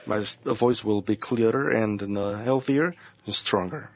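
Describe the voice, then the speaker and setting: Slow, earnest preaching senior pastor man. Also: on the low side, dull audio. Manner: earnest, repeats key phrases. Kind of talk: sermon.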